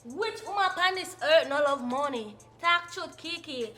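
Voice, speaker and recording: A woman's voice: high-pitched, animated, moderate pace, pushed and bright. A woman with a Jamaican accent reading out comments in casual banter and answering them with sassy sarcasm. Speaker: co-host of a YouTube reaction video.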